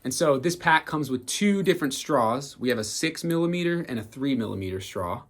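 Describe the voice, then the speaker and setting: A man's voice: medium pitch, fairly quick. A man who is a vocal coach, giving an enthusiastic, casual reaction commentary full of "like" fillers. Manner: enthusiastic, lively, frequent "like" fillers, bursts of singing demonstrations.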